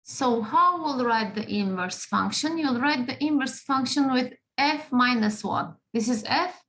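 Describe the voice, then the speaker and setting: A woman's voice: high voice, a little slow, a bit bright, poor audio. A woman teaching a math class, patient, often checking in with the students. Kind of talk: classroom lesson.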